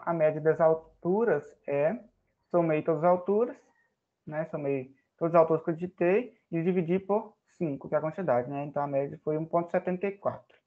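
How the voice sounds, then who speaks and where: Over thin, tinny audio, a man with a higher voice demonstrates a program live for his class. He reasons out loud while entering inputs, keeps checking that everyone follows, and tags on "né?" often.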